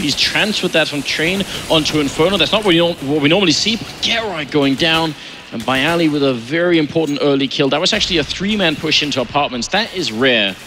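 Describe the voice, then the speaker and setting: A man commentating as an esports caster, with an urgent, excitable play-by-play delivery. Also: a little high. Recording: game gunfire and noise behind commentary. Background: video game gunfire and ambience.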